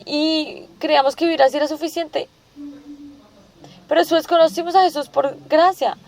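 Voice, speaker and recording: A woman preaches a sermon in a notably high voice. She keeps asking her listeners rhetorical questions. She restates each point several times before moving on. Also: fairly even intonation, moderate pace, darkish tone.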